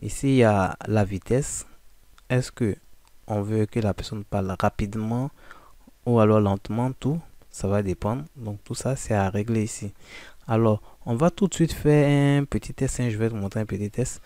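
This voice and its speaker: Male tutorial presenter: low, mellow, dry close voice, casual chatty walkthrough full of fillers. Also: moderate pace, no echo. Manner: informal, addresses listener as tu, frequent "en fait" fillers. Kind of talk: casual screen-recording walkthrough.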